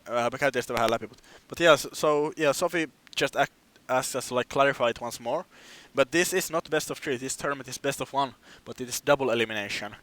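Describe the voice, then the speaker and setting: Young man, relaxed esports co-host, mid-pitched, easygoing. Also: fast talker, hardly any pauses, no room sound. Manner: laid-back co-host, many affirming yeahs. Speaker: esports caster. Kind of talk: live game commentary.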